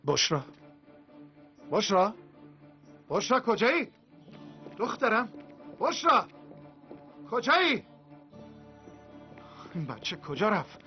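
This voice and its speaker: Brief: a worried father, slightly high and very lively voice, dull lo-fi sound with music. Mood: frantic. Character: anxious father, coaxing then frantic. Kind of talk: dubbed TV drama.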